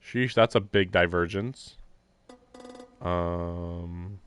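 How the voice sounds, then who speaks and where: Speaking extremely slowly in a deep voice, a man streams a visual novel live, reading its lines and offering wry, self-deprecating thoughts along the way. Faint game music and slight background noise accompany this casual let's-play commentary.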